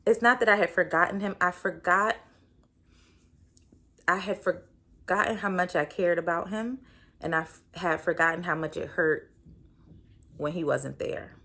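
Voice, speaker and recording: A woman's voice: fairly low pitch, a little slow, pauses often, pushed and bright. A woman in her thirties, a podcast host, telling a personal story in a candid, reflective way, with many fillers.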